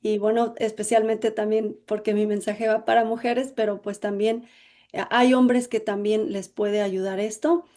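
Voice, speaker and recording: A woman's voice: mid-range voice, little pitch movement, a little slow, dark tone. A middle-aged woman from Jalisco with a Mexican accent, a coach telling her life story in an interview with many "bueno, pues" fillers. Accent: Mexican Spanish. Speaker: interview guest, emotional intelligence coach.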